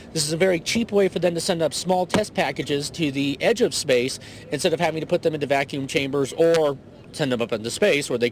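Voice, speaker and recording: A man's voice: fairly high pitch, slight background noise. A man giving a casual, informal news report with filler words and a wry touch. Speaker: listener correspondent.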